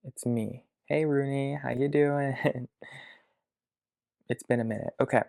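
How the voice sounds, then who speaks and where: A man of about twenty talking to his future self in a video diary from his childhood bedroom, hesitant and reflective, pausing to think aloud. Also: mid-range voice, fairly even intonation, vocal fry, a little mellow. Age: around 20. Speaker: vlogger.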